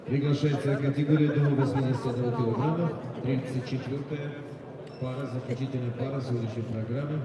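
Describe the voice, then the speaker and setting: A man's voice: mid-range voice, fairly even intonation, quick pace. A man working as a boxing ring announcer, formally calling up fighters and officials and drawing out names. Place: large indoor sports hall with crowd. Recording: echoey sports hall PA from far off, crowd noise.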